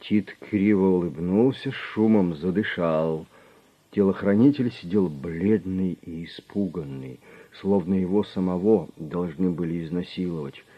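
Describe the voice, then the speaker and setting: A man narrating an audiobook crime story in a steady, measured way. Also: low-pitched, breathy edge. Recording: dull lo-fi recording.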